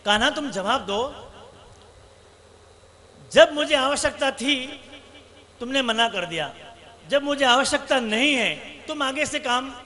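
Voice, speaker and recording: Man doing a young milkmaid, sweetly cross, shrill, insistent, storybook sermon tale. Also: animated, takes it slowly, long pauses, sharp tone, exaggerated voice. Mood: chiding. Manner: pleading then chiding, raised and emphatic. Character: scolding young village milkmaid, teasingly cross.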